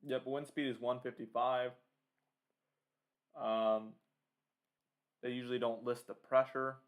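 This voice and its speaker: A man's voice: mid-range voice, level tone, slow pace, phone-quality sound. A man giving casual live hurricane commentary, thinking aloud and talking informally to his viewers. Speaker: livestream weather commentator.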